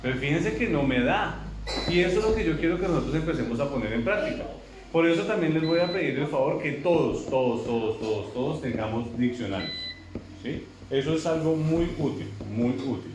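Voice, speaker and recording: A man's voice: a little high, expressive, fairly quick, far from the mic. Man teaching in an echoey classroom. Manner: repetitive, asks students checking questions. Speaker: English teacher. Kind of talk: classroom lecture. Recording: very echoey classroom from afar, noisy.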